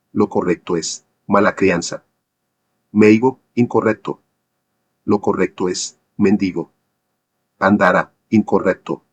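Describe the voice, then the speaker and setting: Male lecturer, low husky voice, measured scripted explaining, asks rhetorical questions. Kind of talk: scripted educational narration.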